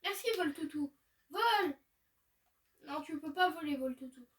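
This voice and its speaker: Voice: sits high, unhurried, fairly bright tone, distant mic. A gamer reading aloud the lines of a friendly young female researcher in a video game.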